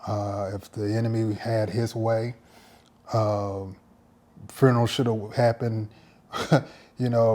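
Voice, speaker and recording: A male pastor giving a personal faith testimony in a reflective, halting way, often repeating words as he searches for them. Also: fairly low pitch, a little mellow.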